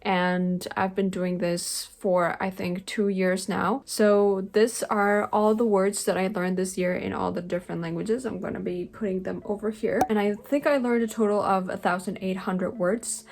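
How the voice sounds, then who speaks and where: A native Spanish speaker from a Spanish-speaking country, this young adult vlogger has a mid-range, slightly mellow voice with vocal fry, a steady tone and normal speed, pausing little. Filling her speech with "like" and "um," she talks earnestly to a close webcam-style camera in her bedroom for a casual language-learning talking-head vlog.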